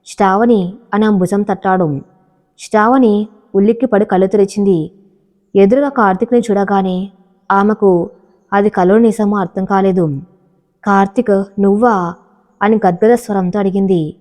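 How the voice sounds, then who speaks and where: A woman's voice: medium pitch, moderate pace, pauses often. Woman reading a dramatic story, echoing hall. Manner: steady dramatic reading, voicing every character herself. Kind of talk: scripted story narration.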